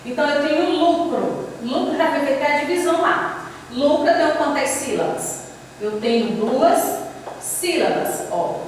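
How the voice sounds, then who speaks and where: A woman's voice: high voice, expressive, unhurried. A woman teacher explains a lesson step by step and keeps saying "ó" as she points to the board. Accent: Brazilian Portuguese. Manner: explains step by step, often says "ó" while pointing. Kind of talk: recorded classroom lesson. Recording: echoey room, distant mic, faint noise.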